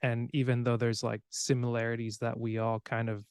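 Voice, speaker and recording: A young man from Cameroon, raised in the United States, hosting a podcast in a relaxed, rambling way. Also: medium pitch, moderate pace, clear, resonant tone, dry recording, clean studio sound. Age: young adult. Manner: relaxed, rambling, with filler words and laughs. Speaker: podcast host. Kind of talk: casual conversation.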